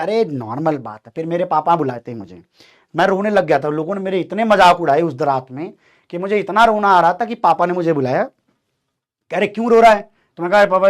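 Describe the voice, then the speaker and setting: A young man telling a childhood story in a casual, animated way, acting out the voices of people in it and often laughing. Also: sits high.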